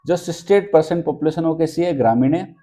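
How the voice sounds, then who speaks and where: A man's voice: on the high side, fast, dark tone. A male teacher running an exam-prep lesson, asking questions and answering them himself and repeating key points.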